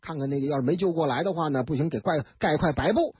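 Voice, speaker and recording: A radio storyteller with a Beijing accent tells a tale in a chatty, colloquial way, adding sound effects and asides. The voice is medium-pitched, husky and rapid-fire with no echo, in a dull, dry radio studio recording.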